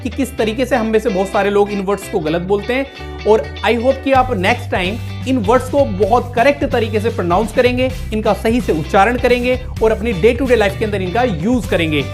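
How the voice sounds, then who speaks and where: A man teaching English pronunciation in a casual lesson, repeating each word slowly to contrast wrong and right. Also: high voice, soft background music. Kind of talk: Hindi-language pronunciation lesson.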